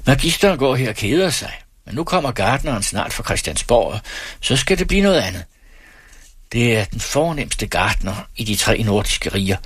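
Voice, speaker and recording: A man voicing a drunk, boastful, hot-tempered estate steward who talks loudly and haughtily. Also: mid-range voice, very animated, husky, dry recording, studio quality. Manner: loud and haughty.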